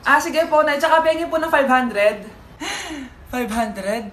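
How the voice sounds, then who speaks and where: A woman's voice: high voice, lively intonation, unhurried, heavy background noise. A woman with a Filipino accent acting out comic family skits, switching between a bratty child and a scolding mother. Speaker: comedy sketch creator. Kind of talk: comedic skits playing several family roles. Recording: echoey room with loud music behind.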